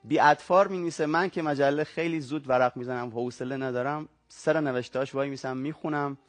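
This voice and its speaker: Thoughtful male guest with a slightly high voice, reads aloud on a talk show, dry close sound. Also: no room sound. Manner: reflective, measured literary talk.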